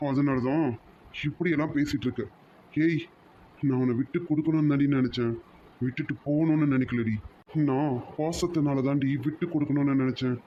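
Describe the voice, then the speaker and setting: A man's voice: mid-range voice, highs cut off, slight background noise, natural voice. A man voicing a remorseful young man in a cartoon drama, pleading and apologetic. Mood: frustrated.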